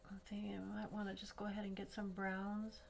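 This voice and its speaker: A woman talks through a pencil-coloring demo in a relaxed, thinking-aloud way, her voice sitting at an ordinary middle pitch. Now and then she slips down to a soft near-whisper as she works. Faint noise hangs behind her. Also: brisk, gravelly. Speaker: craft tutorial host. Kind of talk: casual demo narration while coloring.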